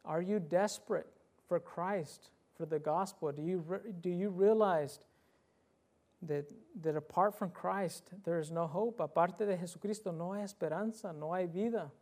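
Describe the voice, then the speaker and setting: A male preacher delivers a sermon in a voice pitched well above most men's. He speaks earnestly and with emphasis, circling back over key phrases. He often turns to his listeners with direct questions. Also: measured pace, darkish tone.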